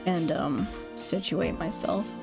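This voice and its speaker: This gaming streamer speaks slowly in a lowish, scratchy, strained voice with vocal fry. She rambles bluntly through her casual gameplay commentary and swears often, while game music plays in the background.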